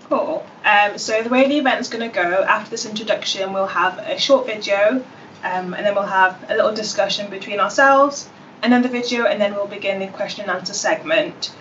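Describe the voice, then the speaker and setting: A young woman in her twenties hosting a webinar as a graduate ambassador, relaxed and dotted with ums. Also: medium pitch, brisk. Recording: distant dull webinar audio with faint hiss.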